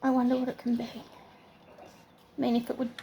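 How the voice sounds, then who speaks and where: A woman's voice: on the high side, moderate pace, slight background noise. An older woman, a sweet old lady and doting grandmother, reads a children's storybook aloud expressively and adds chatty asides for her grandchildren. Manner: animated, expressive reading.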